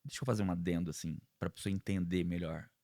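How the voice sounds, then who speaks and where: A Brazilian man hosting a podcast who chats in a relaxed way and shares his own stories. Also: low voice. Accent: Brazilian Portuguese. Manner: relaxed, conversational, chimes in with quick agreement. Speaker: podcast host. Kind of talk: casual interview chat.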